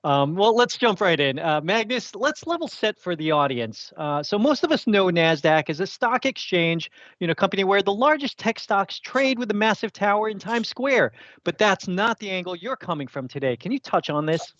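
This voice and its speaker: A man's voice: sits high, big pitch swings, moderate pace, fairly bright tone, no room sound, lo-fi sound. A man co-hosting a webinar from a remote setup, reading upbeat prepared lines. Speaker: co-host.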